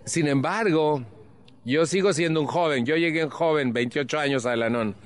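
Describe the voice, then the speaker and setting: A man in his seventies with a Mexican accent gives a personal recovery testimony to a support group, earnest and animated, with frank slang. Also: fairly high pitch, normal speed. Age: 70s. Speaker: Al-Anon speaker.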